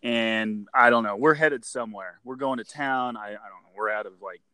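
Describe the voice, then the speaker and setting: A man's voice: mid-range voice, moderate pace, sharp tone, clear, resonant tone, no echo. A man in his forties, a guest on a casual interview, rambling and repeating words, with frequent laughs. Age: 40s.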